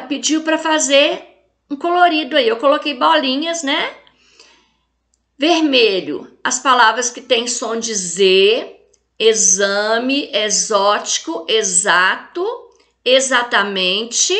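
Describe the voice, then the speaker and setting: A Brazilian woman teaching a recorded lesson for children, with a high voice that sits well above most women's. She takes her time, speaking slowly and patiently, and her tone is bright and a little sharp. She keeps checking in with the class to encourage them. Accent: Brazilian Portuguese. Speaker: primary school teacher.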